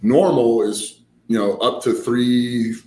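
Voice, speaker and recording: A man's voice: medium pitch, slow, warm tone. A man chatting casually about his own experiences in a rambling, explanatory way. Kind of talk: casual conversational storytelling. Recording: roomy echo, background noise.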